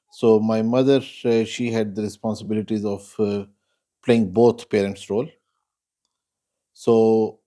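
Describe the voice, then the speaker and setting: A man, a guest telling his life story in an interview. His voice is warm and mellow, and he talks in a measured, reflective way, often pausing to think. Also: medium pitch. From Pakistan.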